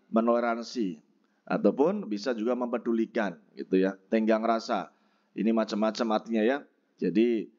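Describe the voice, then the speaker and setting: A man teaching a Korean textbook lesson, explaining pronunciation and slowly repeating each word for practice. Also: lowish voice, darkish tone, muffled recording.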